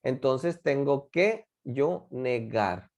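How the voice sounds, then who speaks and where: Lively, mellow-voiced teacher. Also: medium pitch. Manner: drills words slowly and quizzes the class with questions. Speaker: English teacher. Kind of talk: classroom instruction in Spanish and English.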